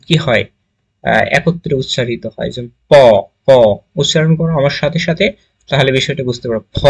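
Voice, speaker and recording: A man teaching a grammar lesson, asking the class questions, answering them himself and sounding out letters one at a time. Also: fairly high pitch. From Bangladesh.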